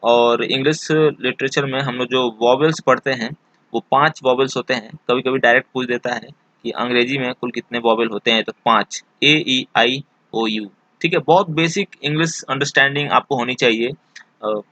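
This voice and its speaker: Bright-voiced man teaching an exam lesson. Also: mid-range voice, fairly even intonation, no echo, highs cut off. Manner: explains slowly, repeats points, many fillers. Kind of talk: recorded exam-prep lesson.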